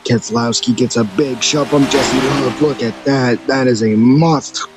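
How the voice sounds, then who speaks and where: A man in mid-range pitch calls a video game race play-by-play, fast and excitable, out of breath, his voice jumping high on sudden exclamations. Clear music plays behind him the whole time. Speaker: race commentator.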